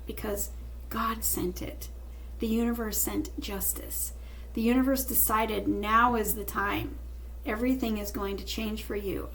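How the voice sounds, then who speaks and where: A woman's voice: fairly high pitch, rough recording. Woman giving a reassuring tarot reading, faint noise. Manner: reassuring, emphatic with repeated phrases. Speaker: tarot reader. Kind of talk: tarot reading addressed to the viewer.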